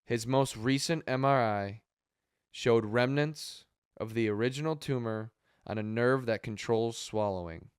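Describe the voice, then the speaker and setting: A man making a heartfelt appeal for a charity he runs, talking haltingly with sighs and pauses, his voice catching with emotion. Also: mid-range voice, clear, resonant tone, no echo, studio quality. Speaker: charity organizer. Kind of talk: heartfelt direct-to-camera appeal.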